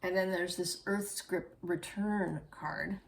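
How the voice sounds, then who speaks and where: A woman's voice: lowish voice, steady tone, slow, vocal fry, a little hiss or hum. A woman giving a casual, reflective tarot reading, musing aloud and correcting herself as she goes. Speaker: tarot reader.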